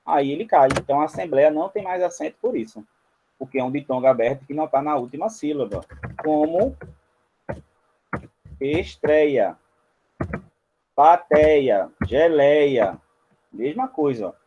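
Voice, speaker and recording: A man's voice: a little high, lively intonation, a little slow, long pauses, mellow, muffled recording, a little hiss or hum. A man teaching a spelling lesson at a board, walking viewers through each example step by step. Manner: explains step by step, often pointing things out to viewers.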